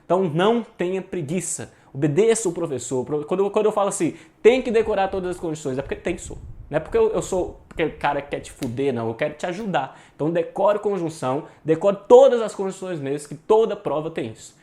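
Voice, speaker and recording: A man's voice: sits high, lively intonation, fast talker, a little mellow. A Brazilian man teaching an online exam-prep grammar lesson, informal and emphatic, with slang and the odd swear word, drilling points by repeating them.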